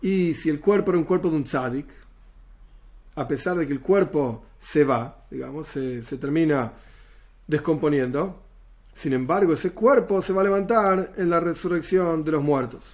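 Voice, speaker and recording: A man's voice: a little high, normal speed, a little mellow. A man giving a Torah lesson, explaining Hebrew terms and glossing each one in plain language. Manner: explanatory, repeats Hebrew terms then glosses them in Spanish. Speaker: Torah teacher.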